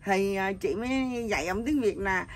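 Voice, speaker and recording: Middle-aged woman, husky ambiguous voice, blunt earthy storyteller. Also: medium pitch, moderate pace, a little hiss or hum. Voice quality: husky voice that sounds neither male nor female. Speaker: interviewee. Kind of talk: candid emotional chat.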